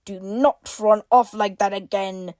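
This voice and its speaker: A woman's voice: medium pitch, steady tone, unhurried, a little mellow, no room sound, studio quality, lightly acted. A woman voicing a shopkeeper and father who talks with an odd put-on accent. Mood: relieved.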